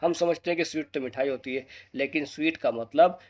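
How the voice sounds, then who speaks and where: A man teaching pronunciation to students, asking them quiz questions and slowing down to give each correct word. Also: a little mellow. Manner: slows and drops low on each correct word. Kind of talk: scripted lesson with quiz questions to viewers.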